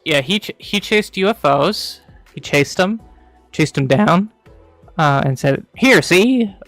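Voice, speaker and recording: A man's voice: a little high, unhurried, a bit bright, faint music behind. A man co-hosting a casual book review show, chatty, laughing often and tripping over hard words. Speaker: podcast co-host.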